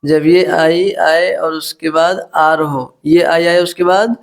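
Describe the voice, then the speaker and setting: A man with a fairly high, steady voice and vocal fry teaches English pronunciation rules in Hindi at a slow pace. In this spoken phonics lesson he spells words letter by letter, repeats each word, and addresses viewers as friends.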